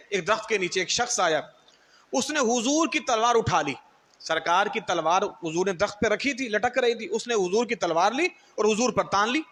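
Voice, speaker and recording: A male preacher delivers a sermon in a high, sharp and bright voice. He tells stories and acts out the people in them. Long reverb trails his words. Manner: storytelling, acts out quotes and mocks others' styles. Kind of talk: Urdu sermon.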